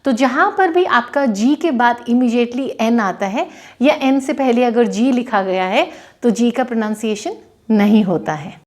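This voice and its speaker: A young woman from India teaches English pronunciation in a video lesson. Her voice sits high. She explains patiently, one step at a time, and keeps checking that her students follow. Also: measured pace, a little mellow. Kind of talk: classroom-style video lesson.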